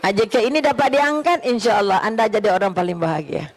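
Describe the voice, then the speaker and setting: A man with a Malaysian Malay accent giving a lively religious talk on parenting, asking rhetorical questions and laughing often. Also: high-pitched, fast talker.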